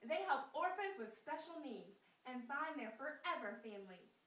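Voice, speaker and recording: In a cheerful scripted puppet skit read aloud, a woman plays a bright, high, lively girl puppet who explains things earnestly in a sing-song storybook style. Her voice swoops with a sharp, brilliant edge at a moderate pace. She's recorded from a distance, set back from the mic in an echoey room.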